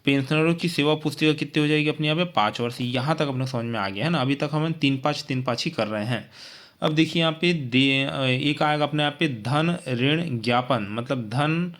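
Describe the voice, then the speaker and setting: A man talks through an exam-prep lesson, his voice pitched a little above most men. He repeats each point several times and keeps checking in with the listener through tag questions. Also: normal speed, fairly bright tone. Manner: repetitive, coaching tone with frequent "है ना" tag questions. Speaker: teacher.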